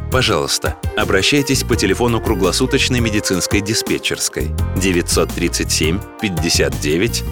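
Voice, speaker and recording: Deep-voiced man's answering machine message. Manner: measured, formal, polite. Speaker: announcer for a company phone line. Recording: studio voice with music playing under it. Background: music.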